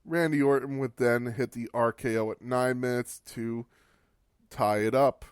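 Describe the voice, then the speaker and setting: A man's voice: mid-range voice, fairly even intonation, a little slow, smooth, no room sound, studio quality. A man hosting a podcast, giving a casual, wry recap of old wrestling matches and swearing for laughs. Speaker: podcast host.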